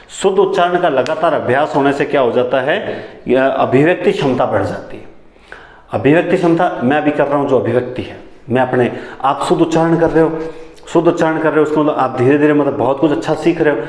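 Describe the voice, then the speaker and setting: A man teaching a lesson, who repeats key phrases back as questions and sometimes talks fast enough that his words tangle. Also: fairly high pitch, reverberant. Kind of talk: classroom lecture on teaching methods.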